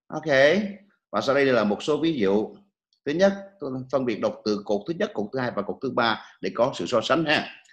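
A man's voice: mid-range voice, lively intonation, normal speed, reverberant. A man teaching English pronunciation, patiently repeating each sound for students to copy. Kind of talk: pronunciation lesson with repetition drills.

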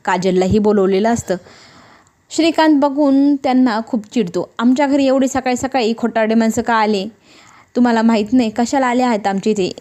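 Lady narrating a tv serial recap, kinda high voice, does all the lines herself. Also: a little mellow. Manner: reads every character's lines in her own voice. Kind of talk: retelling a TV serial episode.

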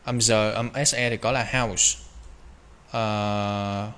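A man teaching English pronunciation, drawing out slow model phrases between quick explanations. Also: fairly low pitch, level tone, a bit bright, smooth. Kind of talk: pronunciation lesson.

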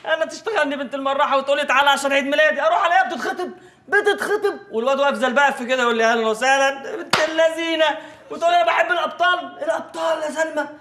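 A man's voice: extremely high pitch, very fast, echoey room, very noisy. A drunk Egyptian guy ranting. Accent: Egyptian Arabic. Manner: loud repetitive ranting, shouting questions. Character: drunk heartbroken young man venting bitterly. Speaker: jilted friend ranting.

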